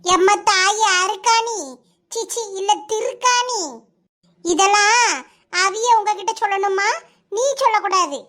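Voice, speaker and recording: Defiant, cutting young cartoon village woman voiced by a woman, very high, southern Tamil Nadu accent. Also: steady tone, measured pace, pauses often, a bit bright.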